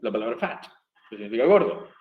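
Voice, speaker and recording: A man's voice: mid-range voice, sing-song, fast talker, narrow, tinny audio. A male English teacher, patiently explaining grammar step by step in a recorded online class. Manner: patient, repeats and spells out each step.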